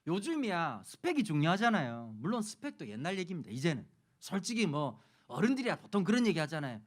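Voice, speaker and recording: A man's voice: fairly high pitch, fast. A middle-aged male pastor from Busan giving a humorous sermon lecture, joking and putting questions to the audience. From Busan, South Korea. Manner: lively, jokey, addresses audience with questions.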